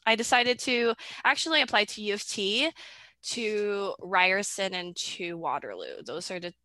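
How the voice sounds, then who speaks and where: A woman in her twenties from the Philippines, chatting as a podcast guest over a video call. She hesitates, restarts and fills gaps with "um," with a bright, pressing tone. The sound is dry with no room around it. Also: medium pitch, animated, unhurried, dry recording. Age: 20s. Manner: hesitant, many fillers and restarts, giggly. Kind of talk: casual video-call interview.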